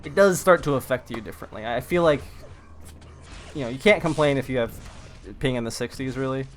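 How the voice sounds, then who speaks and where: A man's voice: mid-range voice, fairly quick, faint music behind. A man from North America casting a live esports tournament who rambles with many fillers and restarts, and has the hiccups. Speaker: tournament commentator.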